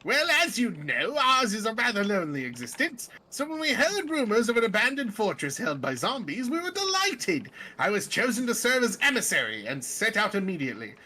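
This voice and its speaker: A woman's voice: mid-range voice, huge pitch swings, fairly quick, few pauses, pushed and bright, husky, voice pushed up, heavily acted. A woman voicing a courteous male zombie emissary in a put-on British accent, speaking in formal, old-fashioned phrases.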